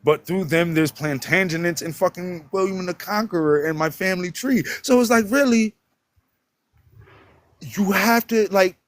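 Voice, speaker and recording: A man's voice: high-pitched, moderate pace, few pauses, a bit bright, no echo. A man from the United States talking as a guest in a casual live-stream conversation, emphatic and rambling, with casual swearing. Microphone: online live-stream mic.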